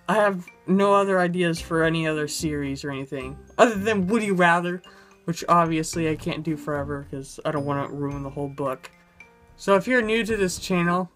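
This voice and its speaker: A young adult man rambling casually in a vlog with a low-energy, goofy manner, recorded indoors close to the camera. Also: a bit bright. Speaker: YouTuber. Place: indoors in a room. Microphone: camera close in front of him.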